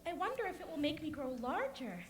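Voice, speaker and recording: A woman's voice: sits high, big pitch swings, fairly quick. A woman voicing a curious young girl who wonders aloud at the odd things around her. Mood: wondering. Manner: wondering and chatty. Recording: echoey hall with faint noise.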